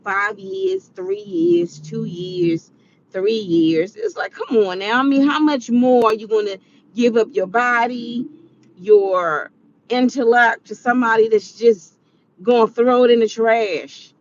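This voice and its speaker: A woman's voice: on the high side, lively intonation, measured pace, vocal fry, muffled recording, a little hiss or hum. A woman in her forties giving earnest, preachy advice in a casual vlog monologue. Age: 40s. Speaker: vlogger.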